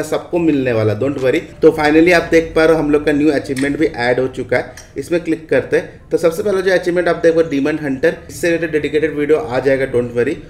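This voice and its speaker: An Indian man hosts a gaming video, offering a casual walkthrough commentary full of repeated stock phrases. His voice is fairly high with a darkish tone, and the room is echoey with faint background noise.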